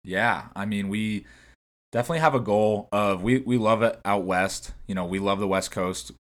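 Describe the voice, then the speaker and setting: A man of twenty-six co-hosting a casual podcast, relaxed and full of "you know". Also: lowish voice, moderate pace. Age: 20s. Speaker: podcast co-host.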